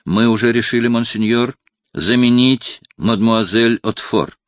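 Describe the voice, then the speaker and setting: A man reading an audiobook, voicing a calm, sly Franciscan friar who advises a cardinal. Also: medium pitch, measured pace, dry recording, clean studio sound, lightly acted. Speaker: audiobook reader voicing a character.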